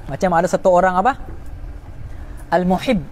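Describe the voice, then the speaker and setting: A man's voice: high-pitched, moderate pace, slight background noise. A man teaching a religious class, often checking in with his listeners and drawing out key words for emphasis.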